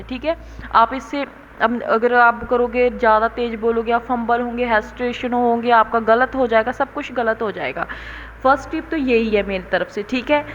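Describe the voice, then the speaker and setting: A young woman explains exam tips in a relaxed, chatty lesson, sprinkling English words into her Hindi and pausing for a quick "theek hai". Her voice sits a little high. The recording is slightly dull, with faint noise in the room behind her. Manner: repeats "theek hai" as a check-in; mixes English terms into Hindi. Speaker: exam coaching tutor. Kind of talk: casual spoken lesson.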